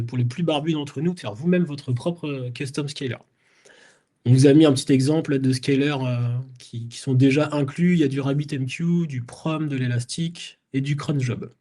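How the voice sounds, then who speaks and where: A man's voice: medium pitch, mellow, breathy edge. A man from France giving a technical conference talk, explaining step by step with frequent fillers and restarts. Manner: explanatory, many fillers and restarts, plays out imagined inner voices. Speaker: conference speaker.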